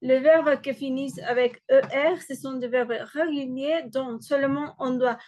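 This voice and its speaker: Slow, high-voiced woman teaching French. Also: fairly even intonation, darkish tone, slight background noise. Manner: slow, explains step by step, switches between French and Spanish. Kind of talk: online class lecture.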